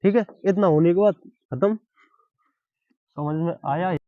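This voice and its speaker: Guy teaching poetry basics, highish voice, keeps asking "got it?", flat dull dry audio. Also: dry recording. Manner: explains slowly, keeps asking if it is understood. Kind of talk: classroom-style Hindi poetry lesson.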